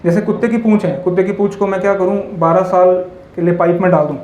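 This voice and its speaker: A high-pitched, darkish voice with fairly even intonation comes from a monk talking fast to an audience in an echoey hall with faint ambience. He tells parables and stories, blends in English words, and checks in with the listeners through constant tag questions.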